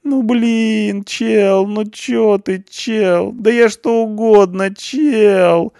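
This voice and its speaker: A shrill, squealing teenage punk boy, whining and begging in street slang from behind bars. His voice jumps far above the reader's own and swings wildly. It is loud and near-shouting in a storybook reading. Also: lively intonation, unhurried, gravelly, no echo, studio quality, heavily acted. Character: panicky whiny teenage punk boy in jail.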